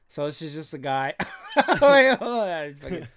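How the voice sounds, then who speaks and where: A young man hosting a podcast, asking quick questions and laughing often in casual chat. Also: fairly high pitch, very animated, a bit bright, smooth, no echo, clean studio sound.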